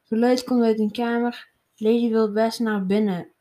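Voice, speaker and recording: A woman reading a children's picture book aloud, slowly and with small slips and restarts. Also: on the high side, level tone, mellow, roomy sound. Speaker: storybook reader.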